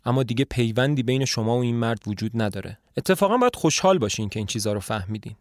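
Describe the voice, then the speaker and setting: A calm, shrewd older detective who reasons in measured, persuasive sentences, read by a man in a play reading. The voice sits at an ordinary male pitch. The recording is dry and close. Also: no echo, close to an everyday voice.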